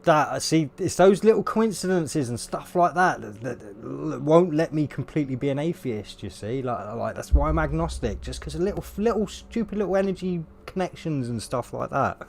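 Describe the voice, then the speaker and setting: Brief: hoarse gaming streamer, rambling chat, faint hiss behind. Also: male voice, fairly high pitch, expressive, moderate pace, hardly any pauses, darkish tone. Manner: rambling, many fillers, laughs at himself. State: losing his voice, coughing. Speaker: game streamer. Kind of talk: casual live-stream chat with viewers.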